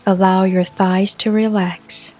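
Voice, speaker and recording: Soft music and the sound of rain play behind a woman reading a scripted guided meditation. Her medium-pitched voice is calm, soothing and unhurried, with long pauses between phrases.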